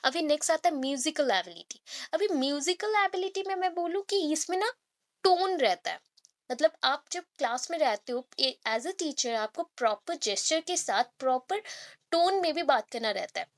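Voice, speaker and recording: A woman's voice: high-pitched, sing-song, moderate pace. A woman teacher giving an exam-prep lecture, explaining patiently with everyday examples and frequent check-ins with her students. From India. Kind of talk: exam-prep lecture mixing Hindi and English.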